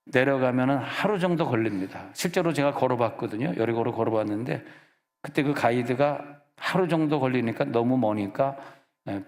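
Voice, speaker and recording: Middle-aged pastor preaching in a reverberant hall. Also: male voice, mid-range voice, a little mellow. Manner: conversational, storytelling with personal anecdotes. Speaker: senior pastor. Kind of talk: sermon. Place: church sanctuary.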